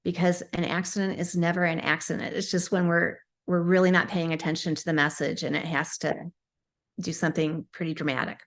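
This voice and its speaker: Low-voiced woman telling a healing story. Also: flat delivery, a little fast. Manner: chatty, frequent ums and restarts. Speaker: hypnosis practitioner, podcast guest. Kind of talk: casual storytelling.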